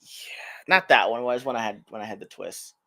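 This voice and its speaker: A man's voice: medium pitch, fairly quick, gravelly, crowd noise. A man in his thirties, a podcast co-host, telling rambling, self-mocking stories in casual chat.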